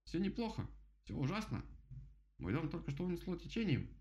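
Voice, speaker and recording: A man voicing a fussy, anxious male woodpecker in a storybook, chattering in a high, fretful way. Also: big pitch swings, fairly quick, darkish tone. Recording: dull lo-fi audiobook recording.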